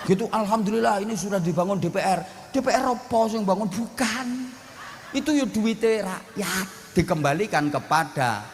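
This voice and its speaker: A man's voice: high-pitched, lively intonation, normal speed, in a large hall, a little hiss or hum. A man with a Javanese accent preaching a humorous sermon, blunt and joking, speaking outspokenly to a gathering. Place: outdoor religious gathering.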